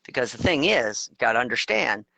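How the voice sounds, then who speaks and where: A man's voice: medium pitch, big pitch swings, brisk, vocal fry, sharp tone, no room sound. A man co-hosting a casual spiritual discussion, talking emphatically in long runs with crude asides. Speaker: co-host.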